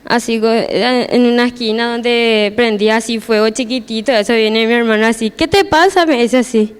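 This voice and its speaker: A woman's voice: fairly high pitch, flat delivery, moderate pace, smooth. A teenage girl giving a personal church testimony, hesitant and repeating her words as she restarts.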